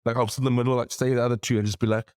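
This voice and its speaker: A South African man talks very fast and excitedly, tripping over his own restarts as he gushes. His voice is close and dry, with no room sound. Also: mid-range voice, no echo. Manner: excitable, gushing, stumbling restarts. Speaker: podcast co-host. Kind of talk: casual chat.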